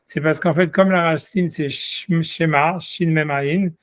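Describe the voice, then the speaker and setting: A man's voice: fairly high pitch, steady tone, unhurried, no echo. French-speaking man teaching, dry close sound. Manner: explains patiently, repeats "tu vois" often, hesitant restarts. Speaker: Talmud teacher. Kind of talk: one-on-one study session.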